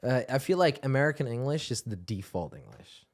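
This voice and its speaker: A man's voice: mid-range voice, a little fast. A man, co-hosting a podcast in playful, casual chat. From Netherlands. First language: Dutch. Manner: playful, animated, often laughing. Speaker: podcast co-host.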